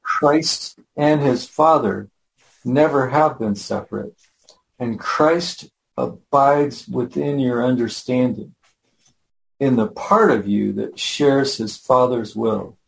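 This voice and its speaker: A man reading a passage aloud to a study group in a measured, even way. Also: mid-range voice, vocal fry, low-quality recording.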